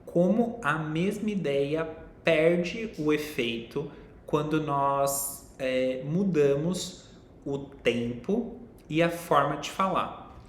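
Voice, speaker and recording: A young man with a Brazilian accent, a psychologist giving an online lecture, explaining and asking viewers questions directly. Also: slow pace. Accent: Brazilian Portuguese. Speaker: psychologist teaching a course. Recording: echoey room with faint rumble.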